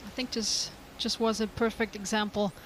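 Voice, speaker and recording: An upbeat woman co-commentates on pool at a medium pitch for her voice, laughing easily as she explains cue-ball control. A faint hum of noise sits under her voice. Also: little pitch movement, normal speed. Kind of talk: live sports commentary.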